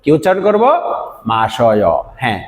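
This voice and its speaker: A man teaching a vocabulary lesson, slowly repeating each word for the listener to say after him. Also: fairly high pitch, lively intonation, a little mellow. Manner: slow drilled repetition of words. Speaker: language teacher. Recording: echoey room with long reverb.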